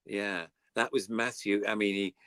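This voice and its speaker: Reminiscing about puppetry on old television, an older guest puppeteer rambles along casually and enthusiastically. He speaks in a lowish voice at a moderate pace with fairly even intonation, while a crowd can be heard in the background.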